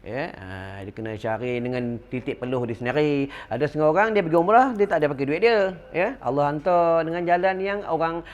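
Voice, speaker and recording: Malaysian religious teacher, middle-aged man, higher than usual pitch, animated lecture with audience asides. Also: fairly quick, hardly any pauses, muffled recording. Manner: animated storytelling with call-and-response fillers.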